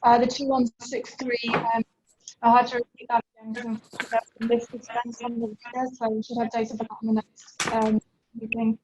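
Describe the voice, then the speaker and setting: A woman scientist giving a measured update in an online meeting, her voice breaking up over a choppy connection. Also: fairly high pitch, monotone. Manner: measured, with frequent ums. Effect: choppy, breaking-up call audio. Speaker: lab scientist presenting assay results. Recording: muffled, lo-fi call audio with faint hiss.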